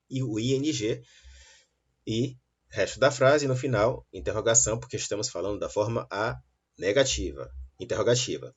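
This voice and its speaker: A man teaching an English lesson, saying model sentences slowly and clearly between quicker explanations. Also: on the low side. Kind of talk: online English lesson for Portuguese speakers. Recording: dull, lo-fi sound.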